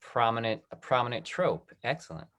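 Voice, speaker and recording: On a video call, a man hosts an online Q&A as a talk-back host, sounding upbeat and encouraging. His voice sits in the mid-range, with a fairly bright tone and a fairly quick pace.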